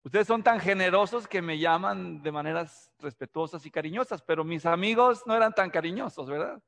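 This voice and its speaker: A man's voice: sits high, brisk, creaky, fairly bright tone, big-room sound. A man from Mexico preaching an expository sermon, often asking the congregation questions. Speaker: pastor.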